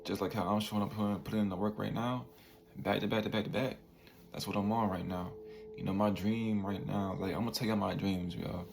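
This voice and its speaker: A young man in his twenties speaking slowly in a slightly low, gravelly voice. He talks in a loose, slang-heavy motivational monologue, tagging lines with "bro" and "you feel me". Faint room ambience sits behind him. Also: little pitch movement, darkish tone, slight background noise. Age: 20s. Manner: laid-back slang, peppers talk with "bro" and "you feel me". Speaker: vlogger.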